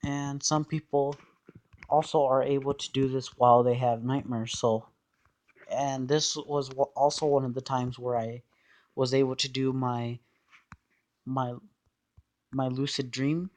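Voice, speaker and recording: A man giving a casual explanatory monologue in a hesitant, halting way, often trailing off. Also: mid-range voice, a little mellow.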